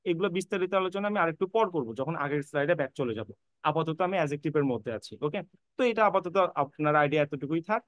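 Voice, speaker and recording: A man with a fairly high-pitched voice teaches an online English grammar class as an admission-prep lecture. Addressing his students directly and reassuringly, he repeats points and spells words out letter by letter. There is no echo.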